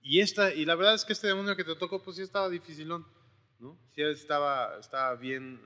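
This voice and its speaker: Bright-voiced preacher in a hall. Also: male voice, a little high, fairly quick. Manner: informal, questioning asides, retells scripture in voices. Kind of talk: conversational sermon.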